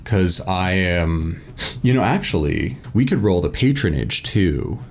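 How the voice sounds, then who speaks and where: A man's voice: deep voice, lively intonation, measured pace. A man hosting a solo tabletop game, narrating his play casually and thinking aloud in informal language.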